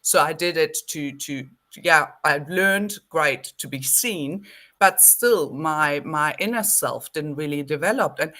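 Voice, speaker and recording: A woman's voice: low-pitched, unhurried, pushed and bright. A woman in her sixties with a German accent, a podcast guest telling her story in a reflective, earnest way. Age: 60s. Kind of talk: casual interview chat.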